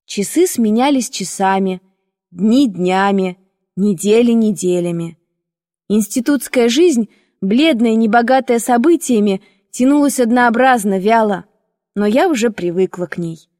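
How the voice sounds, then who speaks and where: A woman narrating a first-person audiobook in a measured, expressive storytelling manner. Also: fairly high pitch, dry recording, studio quality, long reverb tail.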